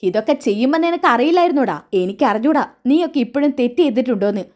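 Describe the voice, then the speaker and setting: A woman's voice: high voice, animated, fast, darkish tone. Vaijayanthi, a woman reading a bitter mother. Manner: taunting, self-pitying. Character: bitter scornful middle-aged mother, sharp-tongued. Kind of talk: reading a serial recap aloud.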